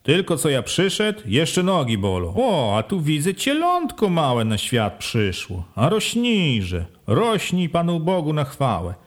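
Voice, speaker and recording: A man voicing an old, pious wandering beggar who talks slowly and gravely. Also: a little high, huge pitch swings, voice pushed up. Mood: blessing.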